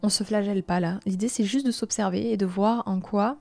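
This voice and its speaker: A woman in her late twenties hosting a live-streamed self-help talk, speaking softly and gently, sometimes dropping to a near-whisper, with many reflective hesitations. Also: mid-range voice, fairly even intonation, brisk, creaky. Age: late 20s. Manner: soft and gentle, drops into a near-whisper at times.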